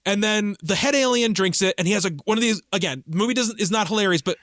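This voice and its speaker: Podcast co-host, male, high voice, dry close mic, animated film chat. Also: fast talker, no room sound. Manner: animated, acts out quotes, frequent restarts. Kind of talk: casual film discussion.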